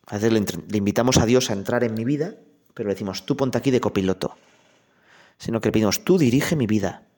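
A priest delivers a conversational sermon, addressing the listener directly with questions and anecdotes. His voice is male, fairly low, mellow, and quick-paced.

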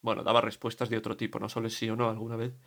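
A man's voice: on the low side, monotone, racing, fairly bright tone. A man in his thirties with a Spain Spanish accent, a priest giving a spoken meditation in a conversational, digressive way, often correcting himself.

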